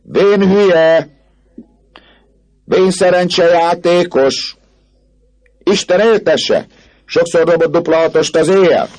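A man voicing a rowdy crowd of young male students who shout mocking taunts in a much higher, louder voice than his narration. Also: big pitch swings, husky, exaggerated voice.

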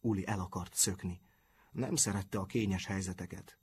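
A man narrating an audiobook in an even storytelling manner. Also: deep voice, a little hiss or hum.

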